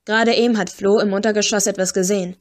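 A woman's voice: mid-range voice, fairly even intonation, fast, natural voice. Woman voicing a bookish young agent explaining. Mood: earnest explaining.

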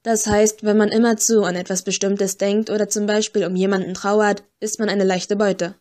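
A woman's voice: mid-range voice, level tone, normal speed, a little mellow, natural voice. A woman voicing a stocky, bookish young man who explains ghost lore in an audiobook. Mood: earnest explaining.

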